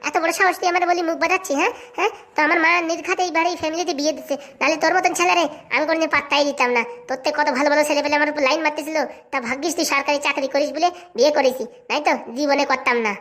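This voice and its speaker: Shrill, nagging cartoon wife, voiced by a woman. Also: fairly even intonation, racing, hardly any pauses, fairly bright tone. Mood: scolding. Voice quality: shrill, scolding. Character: sharp-tongued nagging young wife. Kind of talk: cartoon voice acting.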